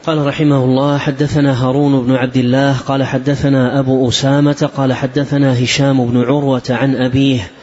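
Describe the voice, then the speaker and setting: A man reads chains of narration aloud for a lesson in a steady, formal recitation. His pitch barely moves, and the recording is muffled and lo-fi. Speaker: text reader in a lesson.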